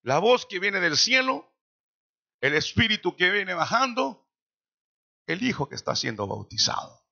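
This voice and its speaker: A man preaches in a church with a high, lively voice that climbs and drops widely. His tone is bright and gravelly, and he slows down for emphatic quoted lines. The recording sounds dull and lo-fi. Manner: dramatic preaching with slow emphatic quotations. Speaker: pastor. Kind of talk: sermon.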